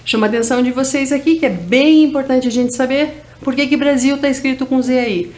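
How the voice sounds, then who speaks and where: Brazilian teacher drilling English phrases slowly. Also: female voice, high-pitched, darkish tone. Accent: Brazilian Portuguese. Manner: slow, drawn-out model phrases for repetition. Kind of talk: school TV English lesson.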